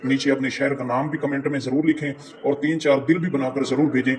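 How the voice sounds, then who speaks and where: A man teaching Quran reading step by step, spelling out letters and vowel marks slowly and repeating words patiently. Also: medium pitch, fairly even intonation, a crowd in the background. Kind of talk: step-by-step lesson.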